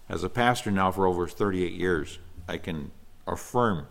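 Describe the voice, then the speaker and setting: A middle-aged man, a pastor, preaching an expository sermon, reading scripture aloud and paraphrasing the characters' replies in a casual, animated way. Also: low-pitched, unhurried, vocal fry. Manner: reads scripture aloud and acts out characters' retorts in a conversational paraphrase.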